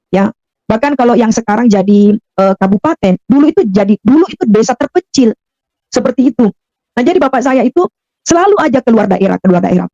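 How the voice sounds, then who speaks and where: A woman's voice: fairly high pitch, mellow, no room sound, muffled recording. A woman from Makassar telling her personal testimony, acting out quoted dialogue and repeating phrases as she goes. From Makassar, Indonesia. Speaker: testimony speaker.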